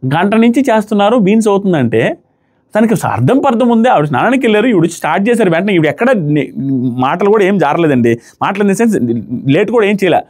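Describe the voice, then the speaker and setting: A man's voice: sits high, quick pace. A man casually recapping a reality show, acting out quoted arguments in shifting voices. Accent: Telugu. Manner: animated, acts out quoted lines in shifting voices.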